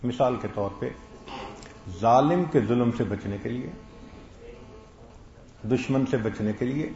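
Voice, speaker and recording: A man's voice: medium pitch, creaky, dark tone. A man giving a sermon, telling stories and acting out the quoted lines of the people in them. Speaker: preacher. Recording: echoey, dull lo-fi sound.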